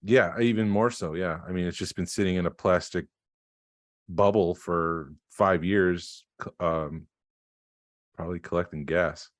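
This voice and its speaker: Deep voiced guy on a collector podcast, matter-of-fact, explains stuff, dry mic. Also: steady tone, a little slow, no room sound. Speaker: podcast co-host. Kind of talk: casual chat.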